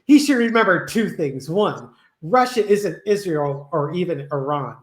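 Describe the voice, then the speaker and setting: A man's voice: fairly high pitch, animated, measured pace. A man co-hosting a tarot show, chatting casually and laughing often. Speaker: tarot reader and co-host. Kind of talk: casual chat. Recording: roomy echo.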